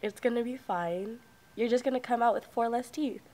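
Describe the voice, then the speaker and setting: A woman's voice: fairly high pitch, normal speed, mellow. A woman chatting casually in a giggly, reassuring way from behind the camera. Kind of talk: casual chat. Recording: faintly noisy handheld camera audio.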